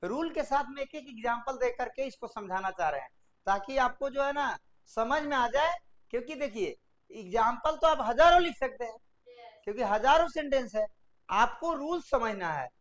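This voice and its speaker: A woman teaching English grammar in a video lesson, drilling students to repeat rules aloud and dictating sentence structures slowly, word by word. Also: fairly high pitch, animated. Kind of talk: classroom-style video lesson.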